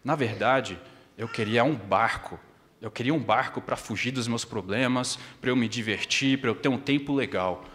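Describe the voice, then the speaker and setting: A man's voice: medium pitch, normal speed, fairly bright tone, natural voice. A man voicing a boy in a children's story who grows older and tired, wistful and pleading as he asks for more. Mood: weary. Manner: pleading, wistful, growing weary. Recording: long church-hall reverb.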